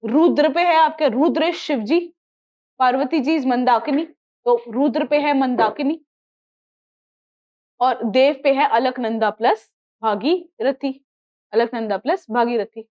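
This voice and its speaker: A woman with an Indian accent lectures on geography with a high, unhurried voice, drilling memory tricks and checking if students follow. The sound is a little muffled and lo-fi. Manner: repetitive, drills mnemonics, asks students questions. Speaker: geography teacher for exam prep. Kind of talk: classroom lecture mixing Hindi and English.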